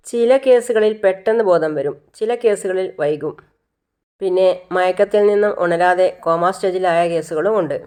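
A narrator voicing a calm male hospital doctor who explains things patiently. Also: medium pitch, moderate pace, clear, resonant tone, natural voice. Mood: reassuring. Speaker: doctor in the story.

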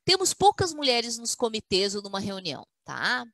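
Woman on a webinar, animated, stern mom voice for the quotes, dry sound. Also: a little high, normal speed, dry recording. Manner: animated, acts out quotes in a firm "mother's voice". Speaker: guest speaker, university academic. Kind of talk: webinar conversation, storytelling.

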